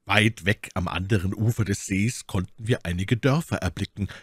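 A man reading a classic travel story aloud as an audiobook narrator, in a measured, dry storytelling manner. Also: fairly low pitch, slightly rough, dry recording. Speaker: audiobook reader.

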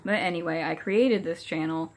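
A young adult woman giving a casual personal update to camera in a halting, hesitant way, with soft toothless articulation from having no upper dentures in. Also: on the low side. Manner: hesitant, halting delivery with many pauses. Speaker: vlogger. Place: small furnished room indoors. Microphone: phone or camera at arm's length.

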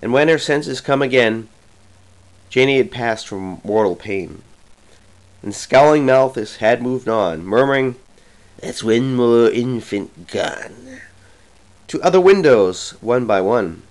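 Male reader, middle pitch, slow dramatic poetry recitation, rhythmic. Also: expressive, low-quality recording. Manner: slow, theatrical rhythmic delivery.

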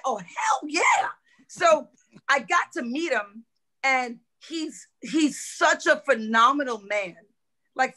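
A middle-aged woman, a former football coach, telling stories in a podcast interview, lively and swearing freely as she acts out quotes. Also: sits high, rough recording. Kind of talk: animated storytelling in a podcast interview.

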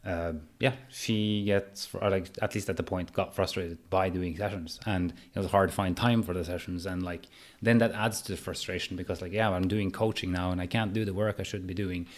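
A man's voice: sits low, fairly even intonation, a little fast, hardly any pauses. A man co-hosting a podcast as a handstand coach, thinking aloud with frequent restarts and fillers. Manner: hesitant, restarts often while thinking aloud. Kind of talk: casual podcast conversation.

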